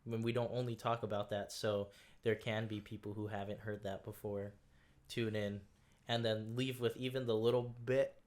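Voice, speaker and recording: A man's voice: lowish voice, level tone, moderate pace, hardly any pauses, a little mellow. Young man co-hosting, rambling. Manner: rambling, hesitant with many fillers. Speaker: podcast co-host. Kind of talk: casual chat.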